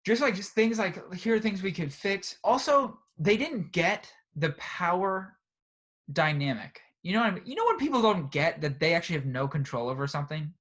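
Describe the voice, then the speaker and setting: A young man co-hosting a podcast, telling a story in a casual, animated way and often tagging "right?" and "bro". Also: sits high, normal speed. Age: young adult. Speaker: podcast co-host. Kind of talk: casual chat.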